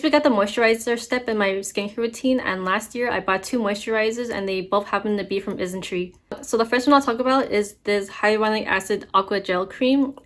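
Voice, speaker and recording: Young woman vlogger, casual candid review, chatty and easygoing, middling pitch. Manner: chatty, candid, frequent fillers and laughs. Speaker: beauty vlogger.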